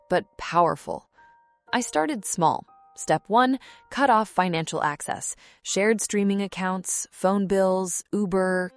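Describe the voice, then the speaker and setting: A woman narrating a first-person story in a calm, measured, reflective way, in short clipped phrases. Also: fairly low pitch. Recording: faint background music.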